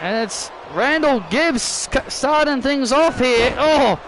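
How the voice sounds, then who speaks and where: A man's voice: very high-pitched, lively intonation, slow pace, noisy background. A man giving casual, rambling play-by-play commentary on a wrestling video game, with stammered asides.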